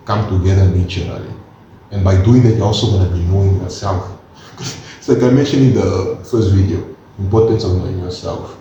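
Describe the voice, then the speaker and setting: Over a noisy background, a low-voiced man of twenty-one co-hosts a casual chat, earnestly and animatedly making his point with lots of slang. The sound is dull, echoing, and picked up from a distance.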